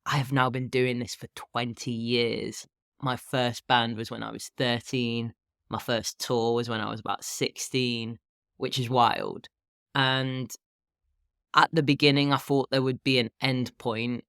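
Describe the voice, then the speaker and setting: A man in his thirties talking casually and candidly on a solo podcast, with a low, unhurried morning voice. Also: level tone, gravelly, fairly bright tone, smooth, no room sound, studio quality. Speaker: podcast host and health and fitness coach.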